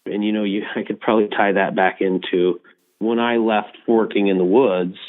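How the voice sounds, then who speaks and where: A man's voice: fairly low pitch, level tone, moderate pace. A middle-aged man being interviewed as a guest, speaking in an easygoing, reflective way and laughing easily. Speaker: guest, mental health association director. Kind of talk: casual interview chat. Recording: tinny phone line.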